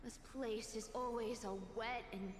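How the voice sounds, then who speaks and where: A woman's voice: a little high, fairly even intonation, measured pace, long reverb tail, close to an everyday voice. An actress playing a sly, playful young female thief in a video game, with a breezy, teasing manner. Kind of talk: video game cutscene dialogue.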